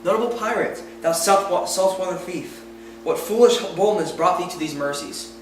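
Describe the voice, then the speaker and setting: A man's voice: high voice, normal speed, a little hiss or hum, lightly acted. A young man playing a jealous duke. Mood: amused. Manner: earnest verse reading, some stumbles. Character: lovesick noble duke, proud and jealous. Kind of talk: amateur Shakespeare performance. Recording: echoey room, far from mic.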